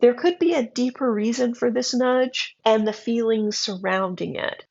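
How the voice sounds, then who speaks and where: A woman's voice: on the high side, normal speed, vocal fry, darkish tone, muffled recording. A woman reading a horoscope forecast, chatty and encouraging with a wry edge. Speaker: astrology reader.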